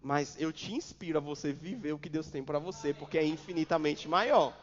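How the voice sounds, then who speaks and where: A man's voice: on the high side, a little fast. A Brazilian Portuguese-speaking male pastor preaching a sermon, repeating phrases and pushing hard on his points. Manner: preaching with repetition and sudden loud emphasis. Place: church hall. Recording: dull church recording with long reverb.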